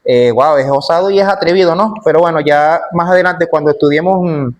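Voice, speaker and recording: A man with a fairly high voice leads a church Bible class. He speaks with emphasis and drives his points home by repeating key phrases. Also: fairly quick, highs cut off. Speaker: Bible school teacher.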